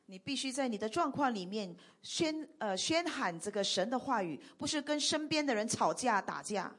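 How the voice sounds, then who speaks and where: A woman interpreting a sermon line by line in a steady, earnest manner. Her voice is slightly high and a little husky. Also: normal speed.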